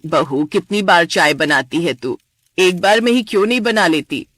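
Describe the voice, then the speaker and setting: A woman playing a stern middle-aged mother-in-law in a cartoon story. Her voice sits lower and she scolds in a commanding, nagging tone. The recording is dry. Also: animated, normal speed, a bit bright, no echo. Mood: scolding. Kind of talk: animated story voice acting.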